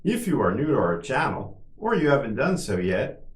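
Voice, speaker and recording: A man hosting an English lesson, saying each clothing word slowly three times with the last one rising high. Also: very animated, echoey room. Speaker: English teacher, channel host. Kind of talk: slow pronunciation drill.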